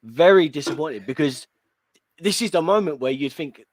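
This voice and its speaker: This time the wrestling livestream co-host speaks at normal speed with a slightly high voice, dryly recorded. He keeps the casual chat enthusiastic, rambling and laid-back.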